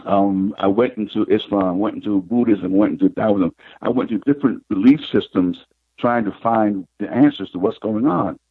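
A middle-aged man, a psychic guest, telling his life story in an interview in an unhurried, reflective way. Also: fairly low pitch, breathy edge, no echo. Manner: unhurried, reflective, retells scenes with quoted dialogue. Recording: tinny phone line.

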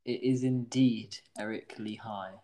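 A man works through a football quiz out loud. He hesitates and muses over his guesses in a casual, mid-pitched voice. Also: steady tone, measured pace. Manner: thinking aloud, hesitant guesses. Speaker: quiz contestant.

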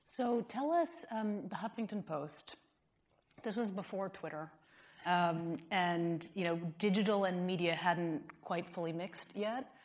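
A woman moderates a conversation on stage in front of a live audience. Her voice is on the lower side, and she asks friendly, inquisitive questions that guide her guest forward. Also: a little slow. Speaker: interview moderator. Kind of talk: onstage interview hosting.

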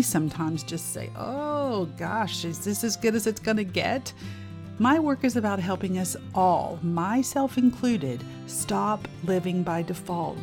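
Expressive woman hosting a podcast. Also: medium pitch. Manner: expressive, emphatic, warmly inviting. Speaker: podcast host. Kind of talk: scripted podcast monologue.

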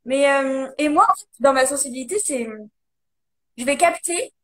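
A woman's voice: high-pitched, normal speed, heavy background noise. A woman in casual conversation, explaining ideas animatedly with many fillers. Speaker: guest, coach. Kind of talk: casual conversation, live video.

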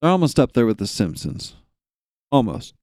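A man's voice: mid-range voice, big pitch swings, normal speed, darkish tone, no echo, studio quality. A young man co-hosting a podcast, ranting in a profane, rambling, jokey way. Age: young adult. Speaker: podcast co-host. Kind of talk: casual rant.

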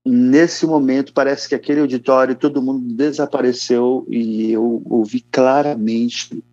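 A man's voice: medium pitch, steady tone, a little slow, dark tone, dry recording. A man in his fifties with a São Paulo Brazilian accent, giving a casual, slangy personal testimony as an interview guest. He coughs often as he talks. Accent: Brazilian Portuguese, São Paulo area. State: coughing repeatedly. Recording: dull, lo-fi, dry sound.

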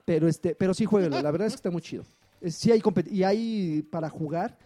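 A man's voice: high voice, a little fast, warm tone. A Mexican man chatting casually about video games as a podcast co-host. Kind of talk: casual video game chat.

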